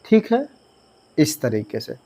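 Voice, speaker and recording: Male grammar teacher, high voice, slow and patient, quizzes the class then answers, spells words out letter by letter. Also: wildly swooping pitch, dark tone, slightly rough. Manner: asks the class questions and answers them himself. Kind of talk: classroom lesson explaining grammar rules.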